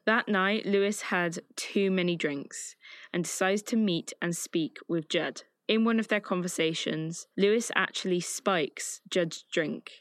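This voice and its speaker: A woman's voice: fairly low pitch, dry recording, studio quality. Chatty woman recapping a film. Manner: chatty and emotive, with fillers like "like". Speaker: film reviewer. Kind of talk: casual film plot recap.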